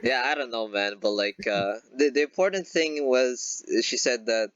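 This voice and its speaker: A man's voice: medium pitch, normal speed, a bit bright, dry recording, dull audio. A man playing in a tabletop game, talking hesitantly with many fillers and restarts. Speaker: player. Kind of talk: casual tabletop role-play chat.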